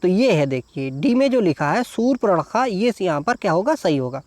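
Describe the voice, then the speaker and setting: A man's voice: sits high, big pitch swings, normal speed, darkish tone, dry recording. A male teacher giving an exam-prep lesson, explaining each answer step by step and spelling words out syllable by syllable. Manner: explains step by step, repeats "देखिए" and "ठीक है".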